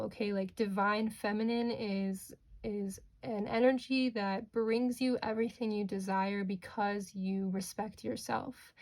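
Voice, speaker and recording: A woman's voice: mid-range voice, darkish tone. A woman speaking as a fortune teller, giving an informal, reassuring tarot reading straight to the listener and often checking in with a questioning okay. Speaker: tarot card reader, host.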